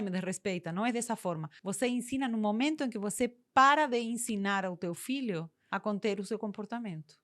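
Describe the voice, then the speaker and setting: Firm, emphatic woman lecturing parents. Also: medium pitch. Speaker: parenting educator. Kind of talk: direct-to-camera parenting lesson.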